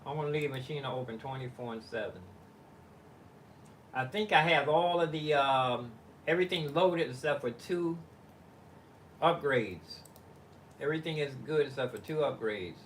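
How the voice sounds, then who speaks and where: An older man streams live from a home studio in his living room, chatting casually in a wandering, halting way with plenty of fillers and restarts. His voice is on the high side and a bit bright, at normal speed with frequent pauses, over a little hiss or hum.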